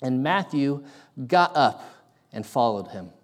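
A young man preaching a sermon in a casual, halting way with lots of ums, his voice carrying an echoey big-room sound. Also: mid-range voice, animated. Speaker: guest preacher.

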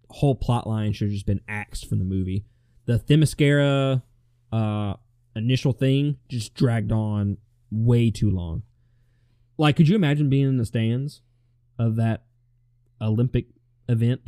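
A man co-hosting a casual movie review chat, relaxed and opinionated, often restarting his sentences. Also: mid-range voice, measured pace, long pauses, smooth, no room sound, clean studio sound.

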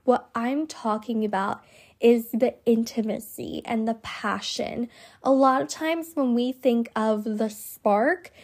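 A woman hosting a solo self-help podcast in a measured, emphatic way, her voice nasal and slightly congested from a cold. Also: a little high, a little mellow. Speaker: podcast host.

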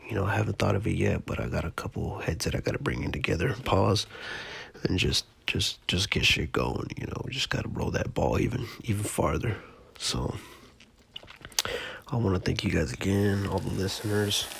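Laid-back gravelly podcast host, monotone. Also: male voice, low-pitched, moderate pace. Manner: laid-back, profane, rambling. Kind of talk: casual solo podcast talk.

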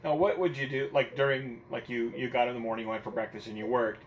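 A man conducts an oral history interview, mostly with short prompts and brief questions. His voice sits at an average pitch for a man. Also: steady tone, fast, rough recording.

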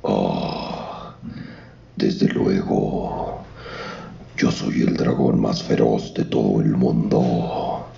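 A storyteller voicing a huge, proud, ferocious male dragon with a deep gravelly drawl. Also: fairly even intonation, drawn-out words, pauses often, warm tone, full character voice. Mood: boastful. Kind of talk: storytelling on a radio show. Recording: roomy lo-fi sound from off-mic.

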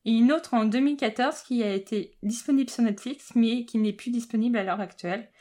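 Higher-voiced woman hosting, quick to laugh. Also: mellow. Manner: stumbling, self-correcting, laughs often. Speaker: podcast host. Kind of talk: casual podcast chat.

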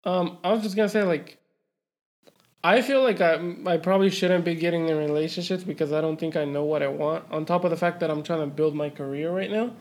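A young man with a fairly high voice, talking casually among friends. His speech is informal and slangy, peppered with swearing, like a co-host on a loose podcast. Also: steady tone, brisk, darkish tone. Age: young adult. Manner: profane, informal slangy talk.

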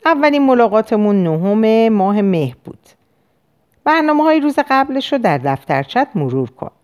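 A woman reading as a gently coaxing male psychiatrist. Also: fairly high pitch, very animated, smooth. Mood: directive. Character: calm probing male psychiatrist.

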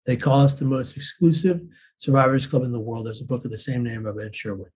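A man's voice: medium pitch, fairly even intonation, fast, a little mellow, husky. A man telling his own story in an earnest, intense way as an interview guest. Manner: earnest and intense, acts out quoted voices. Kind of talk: personal storytelling.

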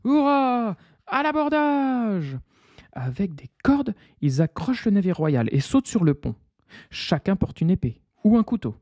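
A man reading a children's pirate story aloud with lively, expressive narration. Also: fairly high pitch, normal speed, slightly rough, no echo, clean studio sound.

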